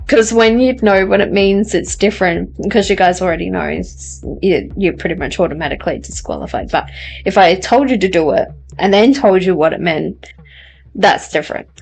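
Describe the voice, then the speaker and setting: A woman's voice: on the low side, lively intonation, a little fast, gravelly, darkish tone, slight background noise. A woman hosting a live tarot stream, chatting casually with viewers and laughing often at herself. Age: adult. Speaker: tarot reader and livestream host. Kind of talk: casual chat reading out viewer comments.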